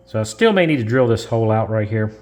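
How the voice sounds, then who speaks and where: On the low side with lively intonation and a darkish tone, a man gives a casual how-to on a model-building step. He moves slowly, rambles, fixes his own mistakes, chuckles, and coughs from the dust.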